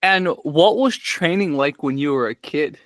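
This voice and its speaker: A man's voice: fairly high pitch, lively intonation, a little slow, dry recording, clean studio sound. A man hosting an interview, asking questions in an upbeat, enthusiastic way. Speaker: host. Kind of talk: casual interview.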